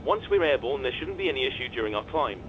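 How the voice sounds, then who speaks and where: A brisk captain over the cabin intercom. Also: male voice, medium pitch, lively intonation, dull audio, slight background noise. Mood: reassuring. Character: calm male airline captain addressing passengers. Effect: cabin intercom announcement. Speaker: airline captain. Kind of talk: scripted passenger announcement.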